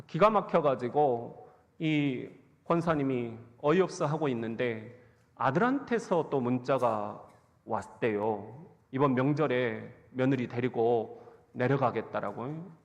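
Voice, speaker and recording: A male pastor delivers a sermon in a church, slow and unhurried, with a lively voice that climbs and dips. He tells stories with humor and acts out quoted lines. The sound has a long hall echo and comes through dull and lo-fi. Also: mid-range voice. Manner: humorous storytelling with acted-out quotes. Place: church sanctuary.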